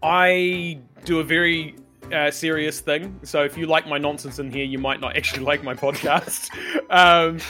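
Kiwi guy from the deep south, rolls his r's, bright slightly high voice, just chatting. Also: fairly even intonation, normal speed, soft background music. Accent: southern New Zealand. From Invercargill, New Zealand. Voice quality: rolled r's. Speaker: podcast guest and player, history podcaster. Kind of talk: casual chat.

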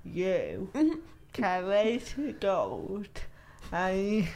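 A woman co-hosting a comedy podcast, playful and halting, stretching out her words in casual chat. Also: medium pitch, sing-song, darkish tone.

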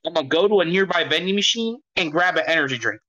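A man's voice: a little high, expressive, quick pace, pushed and bright. A man playing a tabletop game, chatting casually and cutting in with flippant remarks. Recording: dull lo-fi sound.

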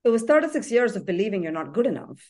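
A woman's voice: mid-range voice, very animated, very fast, a little mellow. Woman therapist talking on a podcast, earnest, keeps repeating stuff to drive it home. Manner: earnest, repeats phrases for emphasis. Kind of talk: podcast conversation.

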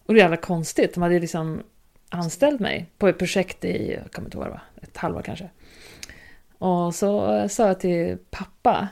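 A woman in casual chat, telling a work story in a lively, filler-heavy way. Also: lowish voice, creaky.

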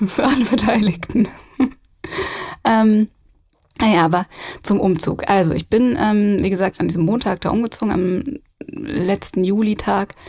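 A woman's voice: mid-range voice, darkish tone. A young woman from hosting a podcast, chatting casually with many laughs and side tracks. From Germany. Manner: chatty, rambling, laughs often. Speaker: podcast host. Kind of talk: casual chat.

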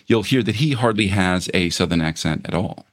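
A middle-aged man with a General American accent, explaining calmly as an interviewed linguist. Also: low voice. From American South. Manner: measured, explanatory. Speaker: linguist guest. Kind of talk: radio interview answers.

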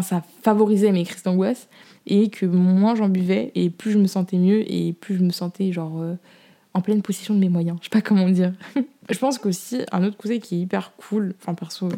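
Young woman, podcast host, soft mellow tone, slightly low pitch, informal slangy speech, candid personal advice. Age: young adult. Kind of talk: casual personal chat giving advice.

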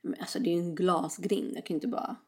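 A woman's voice: fairly low pitch, vocal fry, a little mellow. A young woman in casual chat, talkative, mixing English phrases into her talk and acting out what others said. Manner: chatty, mixes English phrases, acts out quoted exchanges.

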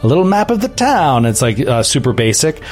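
A man's voice: mid-range voice, sing-song, brisk, a little mellow, faint music behind. A man running a tabletop game as game master, narrating casually with filler words.

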